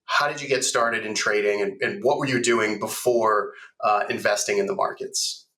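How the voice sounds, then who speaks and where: A man's voice: lowish voice, fairly even intonation, moderate pace, bright, forceful tone, roomy sound. A man hosting a podcast conversationally, with a tinny, metallic tin-can sound from a backup recording device. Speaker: podcast host. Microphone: backup device, not the close microphone.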